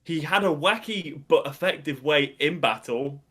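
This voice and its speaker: A man's voice: a little high, normal speed, fairly bright tone, breathy edge. A young man chatting casually on a podcast in a playful way. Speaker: podcast co-host. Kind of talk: casual chat.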